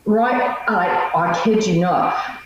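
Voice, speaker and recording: A woman's voice: lowish voice, takes it slowly, faint music behind. A middle-aged woman with a New Zealand accent tells personal stories in a chatty, emphatic, conversational way. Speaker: missionary guest. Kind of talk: informal personal storytelling. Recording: echoey, muffled, distant, faint noise.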